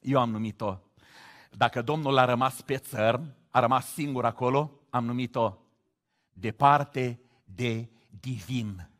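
A middle-aged man from Romania preaching a sermon, moving from quiet reflection to loud exclamations. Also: mid-range voice. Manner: animated, swings from hushed to loud exclamations.

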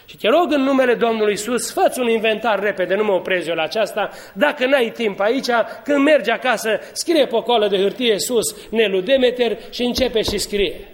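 A man's voice: sits high, hardly any pauses. A man preaching a sermon, telling humorous stories and building to fervent exhortation. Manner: lively, humorous storytelling that rises to fervent exhortation.

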